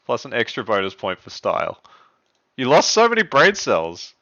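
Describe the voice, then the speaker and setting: A young man hosts a riddle contest live on stream, his voice leaping up and down as he chats and laughs. The tone is bright and forward. It sounds dry and a little dull, like a close home streaming mic. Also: medium pitch, normal speed, dry recording. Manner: excitable, chatty, laughs often. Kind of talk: casual live-stream chat.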